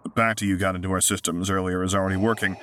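A man reading aloud, voicing a tired but steady bandaged youth. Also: low-pitched, rapid-fire, slight background noise.

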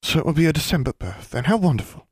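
A bubbly teenage witch with a lilting Southern US drawl, as a male reader puts her on, her voice pushed up high and bright. The gushing words tumble out quickly. It sounds close and dry, with no room around it. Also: big pitch swings, slightly rough, no room sound. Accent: lilting Southern US accent. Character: bubbly seventeen-year-old witch girl.

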